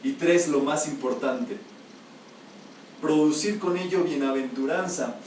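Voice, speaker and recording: A man's voice: a little high, measured pace, darkish tone. A man teaching a spiritual lecture to a live group, emphatic and quizzing his listeners with questions. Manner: emphatic, asks the audience rhetorical questions. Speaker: metaphysics teacher. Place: echoey room with listeners. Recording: echoey room, mic far off, faint hiss.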